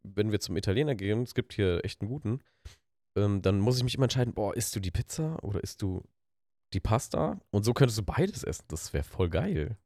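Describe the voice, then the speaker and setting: Low-voiced man with a lively, bouncing delivery. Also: no echo, studio quality. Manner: lively, rushes through stories. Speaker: podcast co-host. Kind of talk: casual chat.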